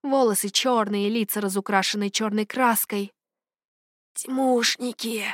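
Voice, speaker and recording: A woman reads a first-person adventure tale aloud with expressive, dramatic delivery. Her voice sits at an ordinary middle pitch for a woman. The recording is dry, with no room sound. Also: measured pace, dry recording. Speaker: audiobook narrator. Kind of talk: first-person fiction narration.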